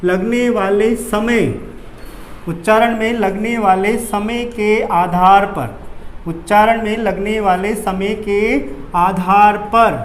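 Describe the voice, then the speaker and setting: Hindi teacher repeating points slowly. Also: male voice, sits high, fairly even intonation, a little hiss or hum. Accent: Rajasthani Hindi. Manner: repeats key phrases, asks questions and answers them himself. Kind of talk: classroom lecture.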